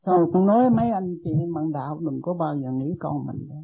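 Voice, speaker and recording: A woman's voice: low-pitched, expressive, fairly quick, creaky, breathy edge. A woman in her sixties, a meditation disciple asking her teacher for advice, hesitant and deferential, often stumbling and repeating words. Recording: tinny lo-fi tape.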